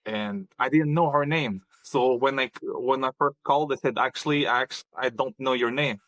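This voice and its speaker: A man's voice: medium pitch, moderate pace, a bit bright, no room sound. Hesitant man from Kazakhstan. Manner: hesitant, many ums and restarts. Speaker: podcast guest. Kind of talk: conversational interview.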